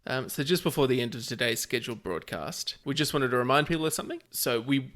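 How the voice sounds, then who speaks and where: A man's voice: mid-range voice, quick pace, fairly bright tone. A man hosting a podcast in easygoing, chatty talk, leading the wrap-up of the show. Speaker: podcast host. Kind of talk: casual podcast chat.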